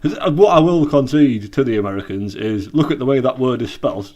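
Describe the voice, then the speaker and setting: A British man co-hosting a podcast over a video call, rambling and joking in casual chat, often trailing off quietly. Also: mid-range voice, animated, fairly quick. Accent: British English. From Britain. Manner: rambling, jokey, trails off quietly at the ends of points. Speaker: podcast co-host.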